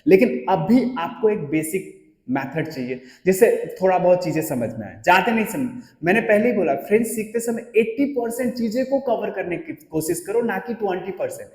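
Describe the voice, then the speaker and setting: A man teaching a French class, drilling the alphabet slowly for students to repeat. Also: high-pitched, a little mellow. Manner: drills letters aloud, slow call-and-repeat recitation. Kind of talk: classroom lesson. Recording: echoey, reverberant classroom.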